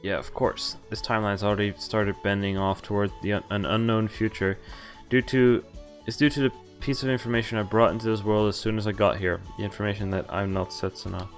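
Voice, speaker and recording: With game music playing in the background, a man streaming a visual novel reads the narration and dialogue aloud. His voice is on the low side, and he speaks fairly quickly with a flat delivery, adding light acting and offhand reactions in a casual way.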